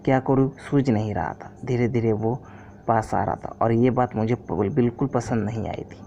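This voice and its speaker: A man narrating a first-person story in a steady, earnest scripted reading. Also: mid-range voice, normal speed, creaky. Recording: dull lo-fi recording, faint hiss.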